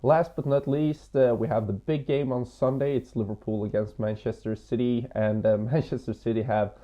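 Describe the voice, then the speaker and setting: A man giving football betting tips as an expert tipster, with a hesitant, halting delivery. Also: mid-range voice, steady tone, warm tone. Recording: slightly dull lo-fi audio.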